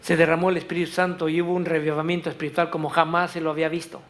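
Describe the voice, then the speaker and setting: A man preaching a sermon in a church, telling a story and reading scripture aloud, swelling loud on the verses. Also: fairly high pitch, flat delivery, very fast. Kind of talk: Spanish-language church sermon.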